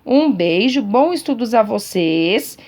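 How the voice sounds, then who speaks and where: A woman's voice: a little high, animated, slow, a little mellow. Patient teacher woman explaining to pupils. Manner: patient, repetitive classroom explaining with frequent check-ins. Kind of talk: recorded lesson for pupils at home.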